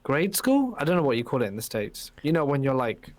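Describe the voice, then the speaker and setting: A man's voice: medium pitch, sing-song, brisk, dry recording. A man hosting a casual chat, talking in a nervous, rambling way and often repeating himself. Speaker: podcast host.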